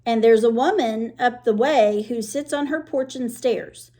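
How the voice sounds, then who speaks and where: A woman reading aloud, voicing a chatty young girl who gives warnings in an animated, storytelling way. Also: on the high side, unhurried, natural voice. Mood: teasing.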